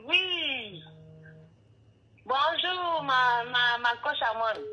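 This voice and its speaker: A woman's voice: sits high, expressive, extremely slow, bright, forceful tone. A woman from Cameroon with an Ivorian accent, calling in by phone and chatting in a rambling way. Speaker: phone caller. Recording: muffled phone line.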